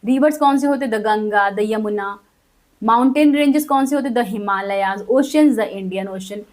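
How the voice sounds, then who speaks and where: A woman's voice: fairly high pitch, rough recording. A woman with an Indian English accent, a Hindi speaker, teaching a grammar lesson and explaining patiently while asking and answering her own questions. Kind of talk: classroom-style grammar lesson.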